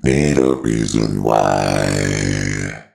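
A woman's sung vocal sample, formant and pitch shifted far down into a deep, gravelly monster voice. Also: very slow, a little mellow. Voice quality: gravelly, glitchy, buzzing.

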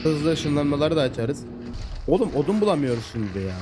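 A man narrates his gameplay in a fairly high, very animated voice, chatting excitably and calling out to the animals on screen. A steady hiss of background noise sits under the recording. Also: fairly quick. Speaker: gameplay commentator. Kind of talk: casual let's-play commentary.

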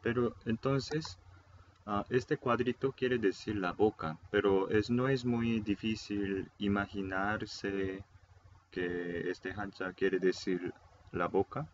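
Guy teaching a casual online lesson in spanish, super slow, repeats stuff, lo-fi sound with faint hiss. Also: fairly low pitch. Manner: unhurried, explains step by step, repeats words, frequent "eh". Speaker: Korean language teacher. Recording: dull lo-fi sound, faint noise.

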